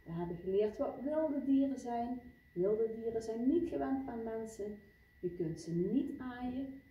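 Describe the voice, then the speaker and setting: A woman's voice: a little high, animated, unhurried, dark tone, lo-fi sound. A woman teaching a vocabulary lesson to young pupils, patient and explaining, recorded in a classroom. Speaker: primary school teacher. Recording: echoey classroom from far off.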